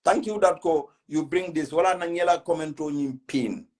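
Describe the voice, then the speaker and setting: Pitched fairly high with a darkish tone, this West African-accented man speaks at normal speed. As host of a political live stream, he keeps the chat casual, presses his points emphatically, repeats himself, and switches between English and a local language.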